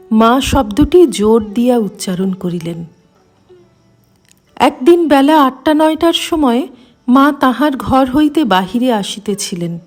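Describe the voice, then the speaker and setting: A woman reading a devotional memoir aloud in a measured, reverent way. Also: a little high, darkish tone. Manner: measured, reverent reading in formal literary prose. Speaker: reader.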